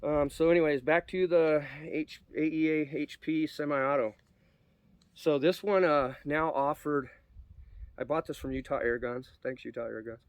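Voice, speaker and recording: Outdoors at a shooting spot, a sniffly man with a cold rambles through a casual air rifle review, full of ums and restarts. His voice is a little high and smooth, at normal speed, in a dry recording.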